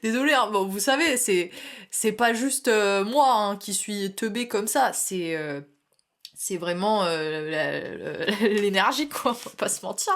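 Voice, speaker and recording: This young tarot reader keeps things casual and chatty, laughing a lot and throwing in English slang. Her voice is mid-range and animated, and she speaks a little slowly.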